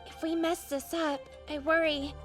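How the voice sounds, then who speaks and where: A woman's voice: sits high, flat delivery, moderate pace, over music, natural voice. A woman voicing a cheerful, earnest teenage girl soldier in an anime dub, chatty and a little worried. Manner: bright, chatty, a bit worried. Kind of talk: anime English dub acting.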